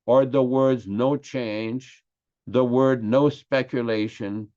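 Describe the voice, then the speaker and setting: This older Quebec man, a native French speaker with a Québécois accent, teaches an earnest, emphatic religious class on scripture, drawing out key words slowly. His medium-pitched voice is steady and dark in tone. The audio is lo-fi and slightly dull.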